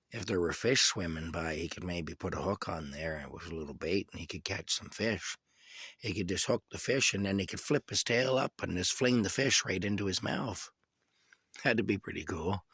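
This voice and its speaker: Low-voiced sick man rambling. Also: fairly bright tone, husky, dry recording. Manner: rambling and halting, with frequent restarts and coughs. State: sick with a cough. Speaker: vlogger giving a personal update. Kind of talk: casual rambling video update. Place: inside his camper.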